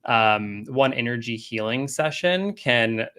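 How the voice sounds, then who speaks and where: A man speaking as a guest coach in a casual live-stream interview, relaxed, with many fillers and restarts. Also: mid-range voice, takes it slowly, smooth. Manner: laughs often. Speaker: guest coach and energy healer.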